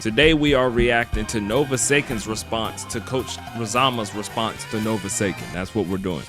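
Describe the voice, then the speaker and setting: A man with a slightly low voice runs a casual reaction video, rambling and swearing as he talks over clips. His delivery is loose and chatty, and faint music plays behind him. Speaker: reaction channel host.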